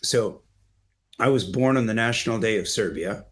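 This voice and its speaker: A middle-aged man with a somewhat low voice, speaking as an interview guest. He talks in a discursive, earnest way, winding through stories and walking the listener through old photos. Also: normal speed. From Canada. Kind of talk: storytelling in an interview.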